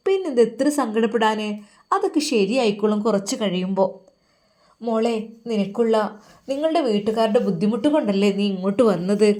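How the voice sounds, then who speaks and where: A woman's voice: a little high, expressive, brisk, mellow, lightly acted. A woman voicing a motherly, wealthy middle-aged lady who coaxes and questions a young girl in a spoken story. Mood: coaxing. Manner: coaxing, questioning, calls her "mol".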